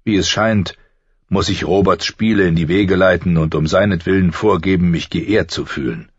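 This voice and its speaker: Audiobook casting: a man playing a grave noble lord, very low husky voice, measured, dry sound. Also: no echo. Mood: stern. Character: stern weary noble father, lord. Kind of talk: audiobook character voice. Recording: slightly muffled dry recording.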